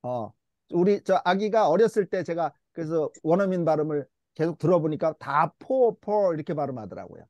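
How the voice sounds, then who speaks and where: A man with a high, animated voice leads a church English Bible lesson, drawing out words and having the class echo them back. His tone is patient and coaxing. The sound is close and dry, with no room echo. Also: normal speed, dull audio. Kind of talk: church English lesson, call-and-response drills.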